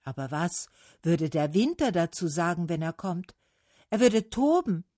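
Woman putting on grumbling autumn spirit, gruff and weary, slow, low, dry close sound. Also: big pitch swings, dark tone, no echo.

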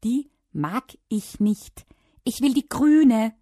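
A woman voicing an excitable, stubborn young boy who shouts and insists. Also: fairly high pitch, takes it slowly, pitched above the performer's own voice. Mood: insistent.

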